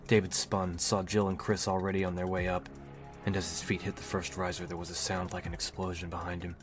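A man reading a novel aloud as an audiobook narrator, telling the story in a steady, even way. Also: low-pitched, brisk. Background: music.

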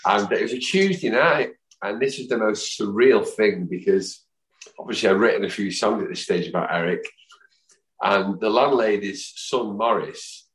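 A man's voice: fairly low pitch, normal speed, fairly bright tone. A man, a guest telling long, rambling stories in a podcast chat and acting out the people he quotes. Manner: rambling, chatty storyteller who acts out quotes. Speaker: guest, fan songwriter. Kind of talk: anecdotal storytelling in a podcast chat. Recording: roomy echo.

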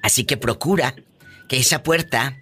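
A man's voice: mid-range voice, moderate pace, sharp tone, soft background music. A man hosting a call-in radio show, chatting in a playful, teasing, gossipy way. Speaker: radio host. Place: radio studio.

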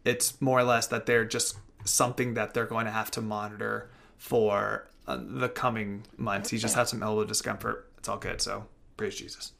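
Man, podcast co-host, casual sports chat, bright voice, excitable, swears freely. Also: lowish voice, moderate pace, creaky. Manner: loose and profane, excitable.

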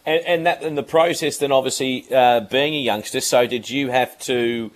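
A man's voice: medium pitch, fairly even intonation, moderate pace. A man hosting a radio interview, friendly, with long rambling questions. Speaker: radio show host.

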